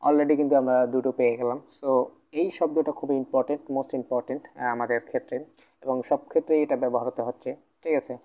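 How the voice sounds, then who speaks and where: Man, language teacher, casual video lesson, repeats words slowly, checks in often, mid-pitched, dull lo-fi recording. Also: fairly even intonation. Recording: dull lo-fi sound.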